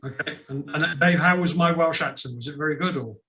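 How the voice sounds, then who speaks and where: Man hosting a webinar panel, fairly high voice. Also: fast talker, sharp tone, slight background noise. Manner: jokey, repeats words while hosting. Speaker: webinar host. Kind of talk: panel moderation.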